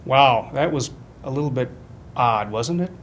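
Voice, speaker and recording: A man's voice: expressive, unhurried, muffled recording. A middle-aged or older man hosting a casual webcast with chatty, wry, self-deprecating commentary. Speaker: webcast host. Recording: noticeable low rumbling background noise.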